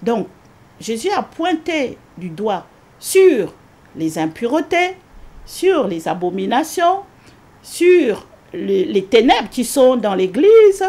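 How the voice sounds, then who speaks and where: A woman's voice: big pitch swings, slow pace, dark tone. Earnest woman giving a faith testimony. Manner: earnest, repetitive, with many hesitations; rises sharply in pitch when quoting her own pleas. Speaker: guest giving a religious testimony. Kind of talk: spoken personal testimony.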